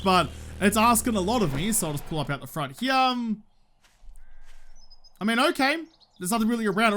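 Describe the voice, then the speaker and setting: An Australian man with a high, swooping voice gives casual gameplay commentary. He is slangy, jokey and cheerfully sweary, with lots of melodic rise and fall. There is faint noise and some clicking behind him. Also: a bit bright. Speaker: gaming video host.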